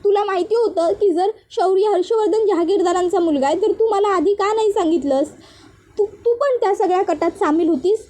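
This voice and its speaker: A woman's voice: very high-pitched, fairly quick, mellow, pitched above the performer's own voice. A woman voicing an upset young woman who feels betrayed and regretful, pleading and tearful. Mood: distressed.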